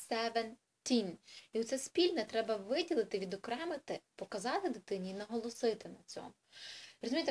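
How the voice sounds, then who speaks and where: A woman's voice: fairly high pitch, slight background noise. A woman tutoring in a chatty, explanatory way for parents in an informal video lesson, with frequent hesitations and self-corrections. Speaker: English tutor for children.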